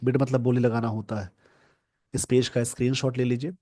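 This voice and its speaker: Speaking at medium pitch in a level, warm tone, a man teaches English by going through a newspaper editorial for exam students. He reads sentences slowly, breaks them down word by word, and points out what viewers should note and memorize.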